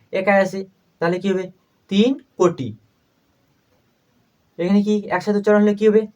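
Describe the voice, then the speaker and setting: Man slowly repeating numbers in a lesson. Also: fairly high pitch, a little mellow. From Bangladesh. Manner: asks and answers his own questions, repeats numbers slowly. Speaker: math teacher. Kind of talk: step-by-step math lesson.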